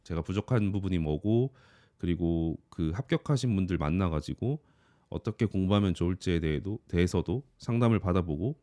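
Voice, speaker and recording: A thirty-year-old man, an office worker and YouTuber, reflecting on his year in an earnest, calm personal monologue. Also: low-pitched, brisk, dry recording, studio quality.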